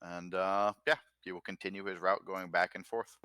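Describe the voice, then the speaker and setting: A man narrating as game master, relaxed and full of fillers. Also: deep voice, normal speed, smooth. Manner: relaxed, filler-heavy narration with many uhs.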